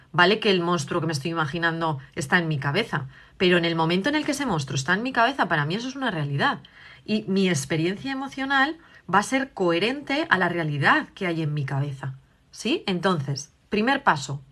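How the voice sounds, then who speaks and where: A woman from gives a parenting talk on video. Her voice is bright and forward. She explains patiently and keeps checking that her listeners are still with her. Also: on the low side. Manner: acts out parent and child dialogues. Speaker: parenting educator.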